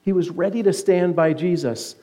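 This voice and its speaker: Earnest preaching man, sinking low for weight. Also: moderate pace. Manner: earnest preaching that drops low and soft for emphasis; retells scripture as vivid storytelling. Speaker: pastor. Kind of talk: sermon.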